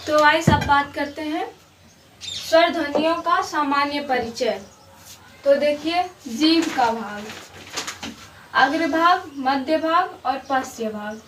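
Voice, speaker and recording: High-voiced woman teaching in a roomy space. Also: slow, pauses often, a bit bright. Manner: explains patiently, repeating examples and checking understanding. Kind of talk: Hindi grammar lesson. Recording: roomy, distant mic with faint background noise.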